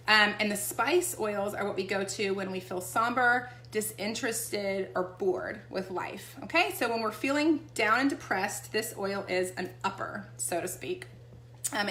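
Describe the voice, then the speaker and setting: Demonstrating essential oils in a relaxed chat, a woman from Texas talks in a medium, slightly bright voice and keeps checking in with whoever's listening. There's echo in the room and a faint hum underneath.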